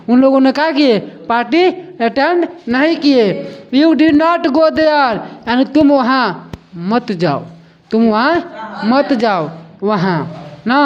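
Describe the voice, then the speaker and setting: A man teaching grammar to a class at a slow, deliberate pace, his voice sitting high for a man. He repeats each example and keeps checking that students follow. The classroom recording sounds dull and lo-fi. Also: a little hiss or hum. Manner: slow and repetitive, drilling students with questions.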